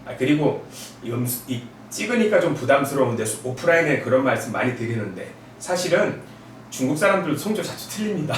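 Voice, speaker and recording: A middle-aged male professor giving a recorded lecture. He is relaxed and chatty, adds asides, and demonstrates sounds by sliding his voice up and down. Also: a little fast, a little hiss or hum. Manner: demonstrates sounds with sung pitch glides. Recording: echoey room from a distance.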